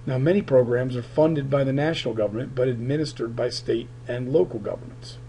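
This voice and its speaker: A political science teacher records a lecture over his slides, his medium-pitched voice raspy and gravelly as it recovers. He sounds dark and mellow but speaks haltingly, full of fillers, with a faint hum from the computer mic behind him.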